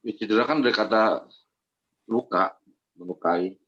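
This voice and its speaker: Male congregant, deep voice, brief replies; muffled, lo-fi sound. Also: normal speed, a bit bright, breathy edge. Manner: short helpful answers from the audience. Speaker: congregation member.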